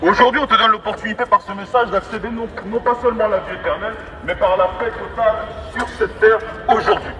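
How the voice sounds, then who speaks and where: Through a megaphone in a busy city public space, a man preaches as a street evangelist in a high-pitched, sharp voice, declaiming, repeating himself and restarting haltingly. His amplified voice sounds distant and echoing over the crowd and traffic, with slight background noise.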